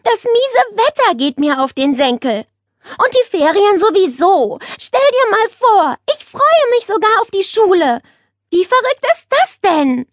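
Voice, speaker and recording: A woman voicing a spirited young girl in an audiobook, talking in a loud, exasperated way. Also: very high voice, very animated, measured pace, no room sound, clean studio sound, pitched above the performer's own voice, exaggerated voice. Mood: whiny. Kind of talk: audiobook character voice.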